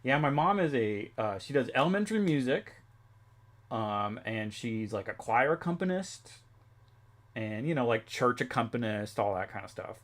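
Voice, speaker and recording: A man's voice: medium pitch, animated, normal speed. A young man livestreaming, chatting casually with viewers in a rambling way with lots of fillers. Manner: rambling, filler-heavy, reads chat aloud. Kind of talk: casual chat with stream chat.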